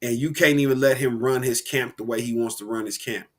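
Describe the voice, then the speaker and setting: A man co-hosting a casual sports podcast, animated and rambling, with slang and frequent restarts. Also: mid-range voice, fairly quick. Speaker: podcast co-host.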